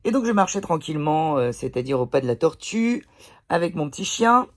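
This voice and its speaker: Here the vlogger's low voice comes out very animated and fairly quick. She speaks casually into her phone camera indoors, a pillow behind her, telling daily stories with blunt language and plenty of swearing.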